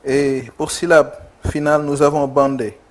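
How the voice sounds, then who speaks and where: A man with a Senegalese French accent, giving short measured answers as a contestant. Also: fairly high pitch, flat delivery, low-quality recording. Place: TV studio.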